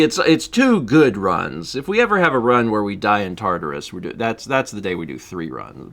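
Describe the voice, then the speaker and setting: A man's voice: mid-range voice, fairly bright tone. A man chatting casually on his livestream, laughing often and reading out viewer donations. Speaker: streamer.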